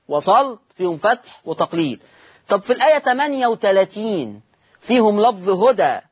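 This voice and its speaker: A man's voice: sits high, slightly rough. A man with an Egyptian Arabic accent teaching Quran recitation rules in a lesson, repeating each point and answering his own questions.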